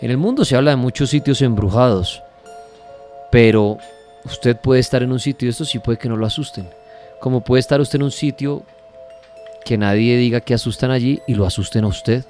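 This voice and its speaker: A Colombian man hosts a live late-night radio call-in show about the paranormal from a radio studio, speaking into a studio broadcast microphone. His voice is mid-range and a little mellow, and he talks at a normal speed. Faint music plays in the background.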